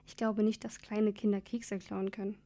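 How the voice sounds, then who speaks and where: A woman voicing a croaky old lady at a Christmas market who notices everything, in a read-aloud story. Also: medium pitch, little pitch movement, moderate pace, mellow, lightly acted. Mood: friendly.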